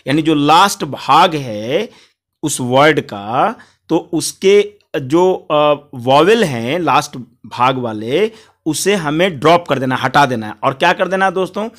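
Higher-voiced male Hindi English tutor. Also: expressive, a bit bright. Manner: explains slowly, spells words letter by letter; addresses viewers as friends, repeats each point. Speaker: English teacher. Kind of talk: Hindi grammar lesson.

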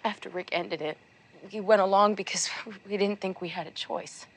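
A woman's voice: medium pitch, fairly even intonation, moderate pace, close to an everyday voice. An actress playing a grieving young woman who takes revenge for her murdered family, speaking coldly and unforgivingly. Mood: bitter. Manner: cold, grief-stricken, unforgiving. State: crying.

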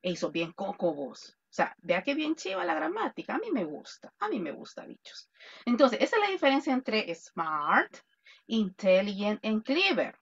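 A woman with a Salvadoran accent teaching an online English class, lively and joking as she quizzes her students. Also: on the high side, normal speed, creaky, breathy edge, dull audio. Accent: Salvadoran Spanish.

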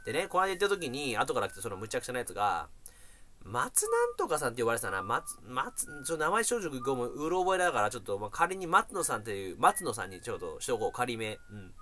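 A man live streaming and telling a story in a rough, joking, casual way, laughing a lot as he talks. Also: medium pitch, huge pitch swings, fast talker, bright, forceful tone, slight background noise.

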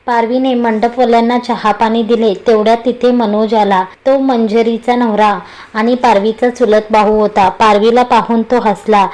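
A woman reading a romantic story aloud as narrator in a steady storybook manner. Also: a little high, normal speed, poor audio.

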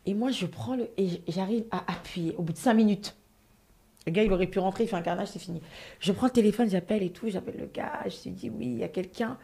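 A woman's voice: mid-range voice, fast talker, mellow, breathy edge. A woman telling a story on a live stream in a casual, dramatic way, swearing freely and speaking straight to her audience.

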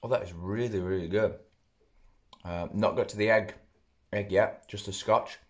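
Young man reviewing food, low voice. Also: fairly even intonation, moderate pace. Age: young adult. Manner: chatty, rambling, mouth often full while chewing. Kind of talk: casual food review vlog. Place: living room at home, indoors. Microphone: camera close in front.

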